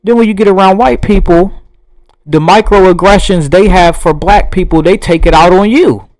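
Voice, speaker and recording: A man's voice: high-pitched, moderate pace, a little mellow, no room sound, rough recording. A young man with a Southern US accent, talking bluntly and profanely to camera in a rambling monologue. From Southern United States. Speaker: vlogger.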